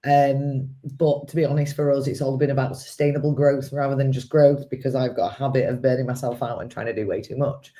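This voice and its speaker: A woman answering interview questions in a measured, explanatory way, with a croaky voice from a cold. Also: extremely low pitch, fairly even intonation, mellow. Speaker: guest, social media business owner.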